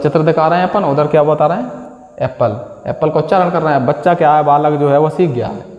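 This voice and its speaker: A fairly high-voiced man teaches an exam-prep lesson, firing off quick questions and answering them himself in a lower, quieter word. The room rings with a long, echoey reverb. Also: muffled recording. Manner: asks questions and answers them himself, repeats key terms.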